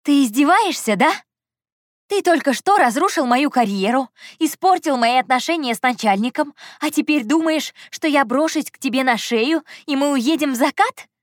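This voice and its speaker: A woman reading an audiobook and voicing a flustered, sharp-tongued young woman who talks high, loud and heated. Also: lively intonation, normal speed, no room sound, studio quality. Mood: furious.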